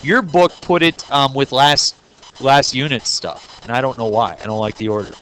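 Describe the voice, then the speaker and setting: On a classroom video, a man teaches his class a math lesson, talking straight to the students with a joking, playful air. His mid-range voice is expressive and fairly bright, at a moderate pace.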